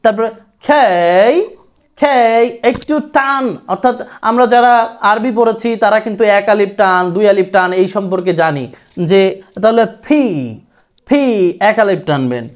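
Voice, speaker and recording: A man teaching English pronunciation, slowly repeating words and practice phrases for his viewers. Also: high-pitched. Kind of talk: spoken language lesson.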